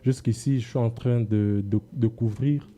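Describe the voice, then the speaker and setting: A man's voice: medium pitch, fairly even intonation, moderate pace, warm tone, dull audio. A man from DR Congo with a Congolese accent, answering casually as a guest artist, hesitating and slipping between French and Swahili.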